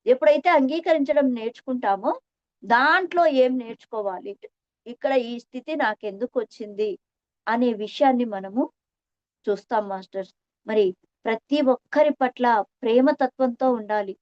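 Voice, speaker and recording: A woman's voice: a little high, moderate pace, a little mellow, no echo. A middle-aged woman sharing her meditation experience in an earnest, reflective spiritual talk, repeating phrases for emphasis. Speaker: meditation testimony speaker. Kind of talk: spiritual talk addressing listeners. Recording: dull dry lo-fi recording.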